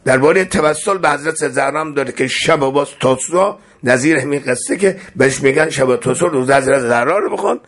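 A man preaching a sermon, retelling a miracle story in a dramatic way, with sudden high emotional outbursts. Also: hardly any pauses, fairly bright tone.

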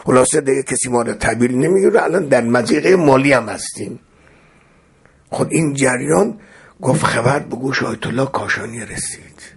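Gravelly, husky male preacher telling a story. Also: lively intonation. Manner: dramatic retelling with sudden high emotional outbursts. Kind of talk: sermon storytelling.

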